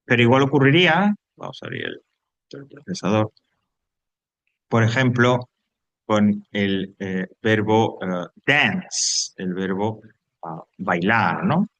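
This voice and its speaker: A man's voice: fairly low pitch, huge pitch swings, slow pace, vocal fry, a bit bright, no echo. A man recording an online English grammar lesson for Spanish speakers, patiently repeating each rule step by step. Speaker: English teacher.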